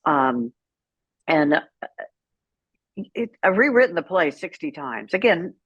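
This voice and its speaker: Speaking slowly in a low, sing-song voice that is husky and slightly bright, this middle-aged interview guest shares frank, wry stories and plays out dialogue she remembers. There's no echo, though the top end is clipped.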